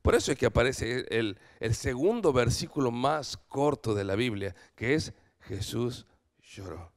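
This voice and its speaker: A man preaching a church sermon, asking the congregation questions and swinging from loud to hushed. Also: mid-range voice, expressive, normal speed. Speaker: missionary preacher.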